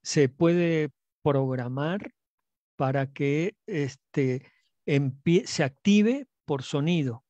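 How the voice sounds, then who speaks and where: A man's voice: on the high side, very slow, darkish tone, no room sound. An older man in his sixties on a headset mic, earnestly explaining on a video call with many fillers. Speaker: guest parent. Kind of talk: casual video call chat.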